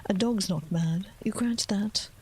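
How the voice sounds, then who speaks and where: A woman whispering the part of a sly, grinning, riddling cat in a storybook reading, drawing out her words slowly. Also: medium pitch, darkish tone, husky. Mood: sly, drawling.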